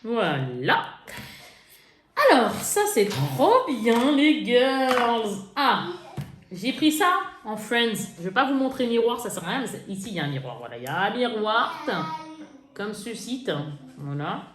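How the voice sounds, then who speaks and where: A woman's voice: a little high, unhurried. Woman doing a makeup haul vlog, laughs a lot, voice jumps all over, echoey room. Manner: chatty, laughing, lively, self-mocking. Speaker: beauty vlogger. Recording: echoey room with faint noise.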